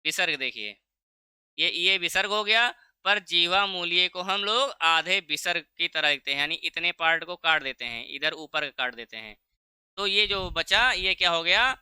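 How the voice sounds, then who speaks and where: A man teaching a video lesson for an exam, explaining step by step and asking the class questions that he answers himself, drawing out key sounds slowly to show how they are said. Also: high voice, sharp tone, clean tone, dry recording, clean studio sound. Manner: drags out key sounds slowly when showing pronunciation. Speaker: Sanskrit teacher.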